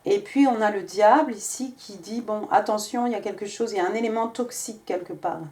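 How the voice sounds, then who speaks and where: Woman doing a tarot reading, lots of euh and restarts, mid pitch. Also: brisk, mellow. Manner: hesitant, many fillers and restarts. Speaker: tarot reader.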